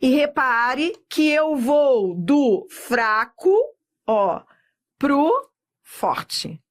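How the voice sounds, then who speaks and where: A middle-aged woman with a Brazilian Portuguese accent, teaching a recorded exam-prep lesson and drawing words out slowly, often checking in with "tá?". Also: high voice, lively intonation. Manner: slow, drawn-out spelling of words with frequent checks like "tá?".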